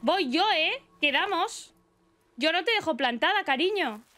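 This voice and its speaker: A young Spanish woman streamer, high and bright, talking fast and loose over a game she is playing. She reads chat aloud, shrieks and curses when enemies lunge at her, and keeps up a running commentary. Faint ambience sits under her voice at the desk. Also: slight background noise. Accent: Spanish from Spain. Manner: chatty, excitable, swears and shrieks at scares. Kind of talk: casual live gameplay commentary.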